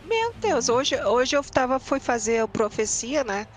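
A woman's voice: a little high, unhurried, soft background music. A woman, a podcast guest chatting casually and acting out quotes in her stories. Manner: animated storyteller, acts out quotes loudly.

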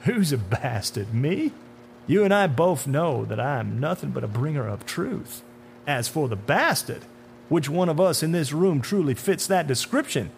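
With a creaky, expressive voice that's a little high, pitched above his natural range, a man acts out a horror audiobook role: an otherworldly, dark-suited bringer of death who taunts and menaces with smooth, theatrical, deliberate, sneering questions. He sounds smug and menacing, and a hum can be heard behind him.

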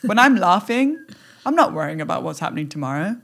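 A woman's voice: fairly low pitch, big pitch swings, fast, vocal fry, fairly bright tone. Playful, exuberant woman talking animatedly. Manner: playful, exuberant, acts out scenes with squeals and laughs. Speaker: podcast guest. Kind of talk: animated conversational talk.

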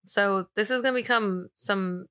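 A woman's voice: medium pitch, a little slow, fairly bright tone. A woman co-hosting a podcast, chatting casually and telling stories in an informal, playful way with slang. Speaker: podcast co-host. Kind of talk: casual podcast chat and storytelling.

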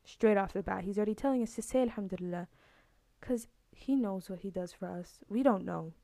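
Speaking fairly quickly in a warm, creaky, mid-range voice, this podcast host delivers an earnest religious talk that keeps repeating itself. Her manner is relaxed and conversational, captured in a dry recording.

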